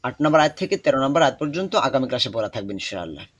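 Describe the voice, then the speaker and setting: A young man teaching an online Quran recitation class, patient and repetitive, often pausing with hesitations. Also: mid-range voice, sing-song, fairly bright tone, no room sound. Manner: patient, repeats instructions, many hesitations.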